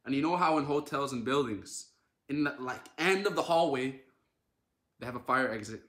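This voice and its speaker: A young man from Canada telling an animated, dramatic storytime in a casual vlog. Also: medium pitch, normal speed, roomy sound. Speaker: social media creator.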